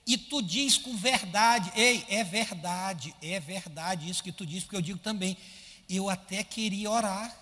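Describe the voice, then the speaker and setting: A man preaching a sermon as pastor, animated, firing rhetorical questions at his congregation and acting out his listeners' complaints. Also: high-pitched, unhurried, big-room sound.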